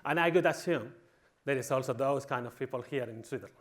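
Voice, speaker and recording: A Spanish man with a Spanish accent gives a humorous conference talk, playing it tongue-in-cheek and mock-villainous. His voice is medium in pitch and a little fast.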